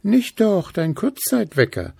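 A man putting on a bright laughing elf girl. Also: high voice, wildly swooping pitch, measured pace, creaky, slightly rough, dry recording, pitched above the performer's own voice, full character voice. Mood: cheerful. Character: cheerful young female elf girl.

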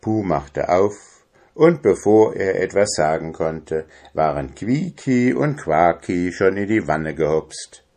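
Slow-reading male storyteller. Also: low voice, animated, a little mellow. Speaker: narrator. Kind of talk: children's audiobook narration.

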